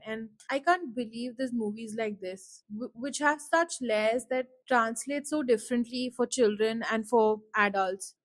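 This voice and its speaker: A woman hosting a casual solo podcast talks in a reflective, rambling way, using many fillers, her voice choking up as she comes close to tears. Her pitch is fairly high and there's no echo.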